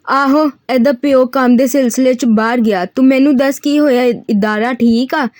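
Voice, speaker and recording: A woman playing a loud rustic Punjabi mother. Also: sits high, steady tone, a little slow, dry recording, studio quality. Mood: scolding. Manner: thickened voice, coughing, scolding, rustic. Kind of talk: audiobook reading of a novel.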